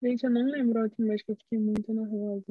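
A woman, co-hosting a podcast and telling stories in an animated, rambling way. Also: a little high, rapid-fire, no room sound, phone-quality sound. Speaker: podcast co-host. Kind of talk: casual chat.

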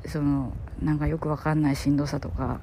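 A woman with a Kansai accent, chatting through a personal story in an animated way, laughing often and dropping to soft murmurs. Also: deep voice, fairly quick, noisy background. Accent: Kansai Japanese. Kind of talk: casual personal storytelling monologue.

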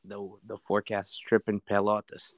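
A man's voice: on the low side, monotone, brisk, no room sound, rough recording. A man in casual chat with a friend, laid-back and slangy, laughing often.

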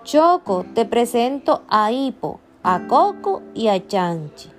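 A woman voicing a kind, motherly female bear in a slow, low, soothing voice in a storybook reading. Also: very animated, faint music behind. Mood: gentle.

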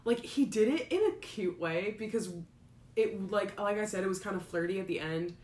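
A woman's voice: medium pitch, normal speed, a little mellow. Chatty young woman in an echoey room. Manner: rambling storytelling, many fillers. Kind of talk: casual chat.

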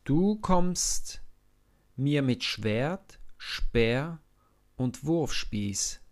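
A man's voice: fairly low pitch, very slow. A man voicing a fearless young shepherd boy who calls out boldly and defiantly in a storybook reading.

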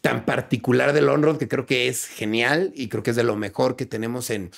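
Guy hosting a podcast, gravelly creaky voice, friendly. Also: mid-range voice, normal speed. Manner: friendly, affirming, lots of short backchannels. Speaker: podcast host. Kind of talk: casual podcast chat.

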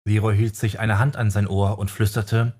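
A man reading a fantasy audiobook in steady scripted narration. His voice is low-pitched with a husky, slightly breathy grain. He tells the story at an even storytelling pace. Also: moderate pace.

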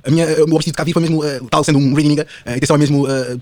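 A twenty-something man talks very fast in a slightly high, slightly mellow voice with a steady tone. Guesting on a podcast, he chats in rambling European Portuguese with Lisbon slang, fillers, and tag questions.

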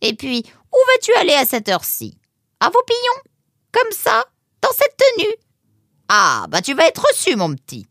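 A woman voicing a large, sly, motherly female fox in an audiobook, talking in a slow, coaxing way. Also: lowish voice, wildly swooping pitch, sharp tone, dry recording, studio quality, full character voice. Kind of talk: audiobook character voice.

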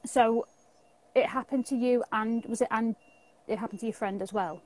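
A woman's voice: a little high, fairly even intonation, moderate pace, rough recording. A British woman hosting a casual interview in a chatty, informal way over a video call. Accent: British English. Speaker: interview host. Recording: clearly audible background noise.

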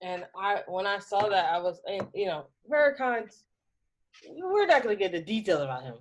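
A woman co-hosting a casual podcast at a middle pitch. She speaks heatedly and emphatically, often restarting her sentences as she pushes her point. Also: sing-song, moderate pace. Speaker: podcast co-host.

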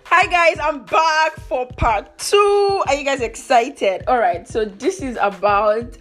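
A woman's voice: high-pitched, slow pace, soft background music. A young woman with a Nigerian accent casually telling anecdotes, expressively acting out what people said. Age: young adult. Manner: expressive, acts out quoted dialogue.

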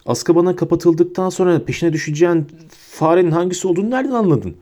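A doubtful teenage boy, as a man voices him, speaking up higher in a thin, weak voice. He sounds skeptical as he questions. The read stays mellow. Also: fast, natural voice. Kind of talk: audiobook character voice.

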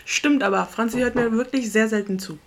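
Playful teasing woman podcast co-host. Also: fairly high pitch. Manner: playful, teasing, quick to laugh. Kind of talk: casual chat.

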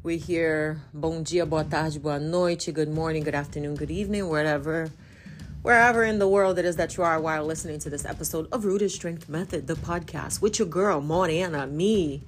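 A woman from Brazil in her forties, a native Portuguese speaker, chats through a solo podcast with a low voice. She talks in a lively, chatty way and restarts her phrases as she goes. A faint hiss sits under the recording. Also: normal speed. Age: 40s. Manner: chatty, animated, self-correcting. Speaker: podcast host.

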